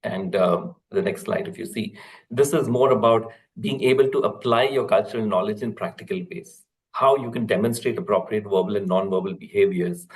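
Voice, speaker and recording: A man teaches in a webinar, in a fairly low voice. He explains steadily, often pausing on fillers and restarting his sentences. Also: low-quality recording. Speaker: corporate trainer, webinar speaker.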